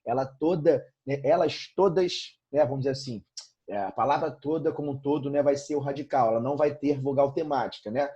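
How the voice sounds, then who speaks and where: Man, Brazilian accent, teacher, husky voice, informal online lesson, lots of tag questions. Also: medium pitch, a little fast, warm tone, muffled recording. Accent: Brazilian Portuguese. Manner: informal, repeats himself, frequent tag questions.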